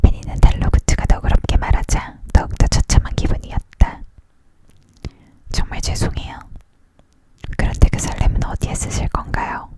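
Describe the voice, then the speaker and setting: Hushed whispering ASMR book reader, leaning in. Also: moderate pace, pauses often. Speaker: storyteller reading a book aloud. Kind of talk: whispered ASMR reading of a novel.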